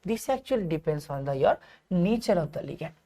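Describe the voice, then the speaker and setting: A woman's voice: lowish voice, expressive, brisk, mellow. A woman with an Indian accent giving an instructional chemistry lesson, mixing Hindi phrases into English and repeating phrases and rhetorical questions for emphasis. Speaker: chemistry teacher.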